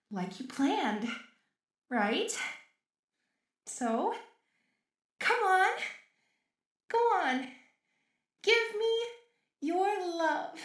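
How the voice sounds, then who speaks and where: A woman's voice: high-pitched, a bit bright, reverberant, distant mic, full character voice. A woman playing an obsessive, lovesick female maid robot in an audio role-play, with clingy, menacing, unhinged villain sweetness.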